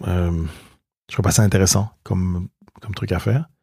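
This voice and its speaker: A man's voice: low-pitched, fairly even intonation, moderate pace, darkish tone, slightly rough, dry recording, studio quality. A middle-aged man with a Québécois accent, a comedian guest telling stories in a casual interview, acting out quoted dialogue with many restarts. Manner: storytelling, acts out quoted dialogue; frequent restarts and repeated words.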